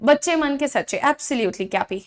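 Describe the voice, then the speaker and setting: A young woman teaches an online spoken-English class in a high, light voice. She says each English phrase slowly and with care, then explains it in Hindi, and now and then mimics chattering students. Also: animated.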